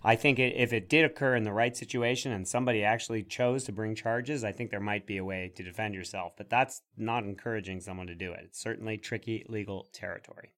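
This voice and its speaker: A man co-hosting a podcast on animal law, explaining legal points in a measured way with wry, sarcastic asides. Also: on the low side, steady tone, fairly bright tone. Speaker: podcast co-host. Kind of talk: casual legal podcast discussion.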